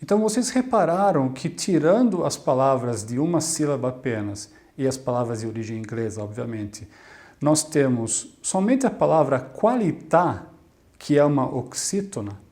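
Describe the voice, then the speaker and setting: A man, teaching a scripted video lesson and slowing down to model words clearly. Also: medium pitch, big pitch swings, a little mellow. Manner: clear, deliberate, slows down to model Italian words. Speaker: Italian language teacher.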